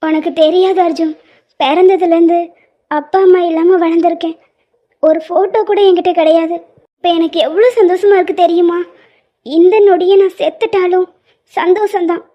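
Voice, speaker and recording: This is a young cartoon wife, orphaned and overcome with emotion. Her voice is very high, and her speech is emotional and pleading. The sound is slightly dull and lo-fi. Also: normal speed, pauses often. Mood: tearful.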